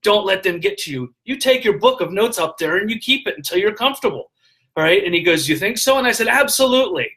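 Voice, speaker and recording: A middle-aged vlogger speaks casually into a webcam at desk distance from a hotel room, offering motivational business tips on a live stream. His voice is high and fast, and he's animated, gesturing a lot and packing his speech with fillers, especially "all right?"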